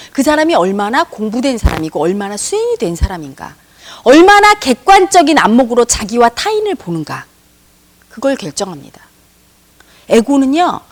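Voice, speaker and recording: Middle-aged woman meditation teacher, high and bright, emphatic lecturing with rhetorical questions. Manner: emphatic, uses rhetorical questions and acted-out quotes. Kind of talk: spiritual lecture.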